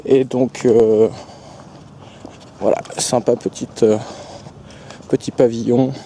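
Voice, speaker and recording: A man's voice: medium pitch, little pitch movement, slow, vocal fry, warm tone, slight background noise. A young man from France narrating a casual vlog tour of a house and garden, hesitant, with many fillers and restarts. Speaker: travel vlogger.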